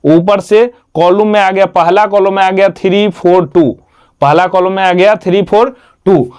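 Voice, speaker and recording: A man's voice: sits high, fairly even intonation, moderate pace, darkish tone, smooth. A man teaching a math lesson, repeating each term and asking and answering his own questions. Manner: repetitive, quizzes himself with questions and answers.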